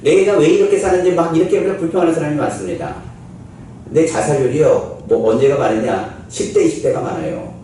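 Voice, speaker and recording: A man's voice: on the high side, fairly quick, warm tone. A male pastor preaching a sermon, asking rhetorical questions and acting out quoted lines. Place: church sanctuary. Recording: echoey church hall, distant mic, faint noise.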